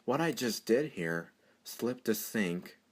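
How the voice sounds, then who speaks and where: Recorded through a computer mic during a screen capture, this tutorial presenter improvises, rambles and is easily amused. The mid-range voice has lively intonation and a slow pace, with slight background noise.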